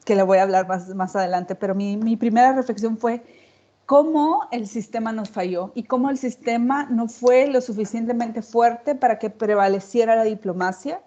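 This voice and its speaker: A woman's voice: on the high side, moderate pace, mellow. A woman speaking off the cuff as a panelist, emphatic, building her points with repeated phrases. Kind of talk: unscripted public talk. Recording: dull, lo-fi audio.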